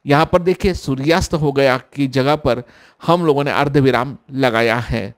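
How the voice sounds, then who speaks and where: A male college lecturer giving a recorded lesson, who explains slowly and repeats key sentences. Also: mid-range voice. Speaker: Hindi lecturer.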